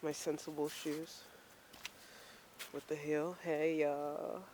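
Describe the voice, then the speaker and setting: A woman's voice: deep voice, level tone, slow pace, dark tone. A chatty woman from Maryland vlogs to a handheld camera as she trudges along a snowy street. She rambles in a self-mocking way and sounds a little out of breath. Faint traffic hums behind her. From Maryland, USA. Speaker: vlogger. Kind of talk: casual walking vlog. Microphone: handheld camera while walking.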